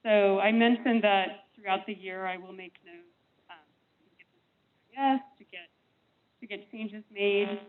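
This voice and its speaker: A woman's voice: medium pitch, steady tone. A woman staff presenter explaining a plan to a meeting, speaking through a face mask, her voice cutting in and out. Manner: measured, explanatory, frequent ums. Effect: voice cutting in and out over a thin remote line. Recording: tinny phone-like line, breaking up.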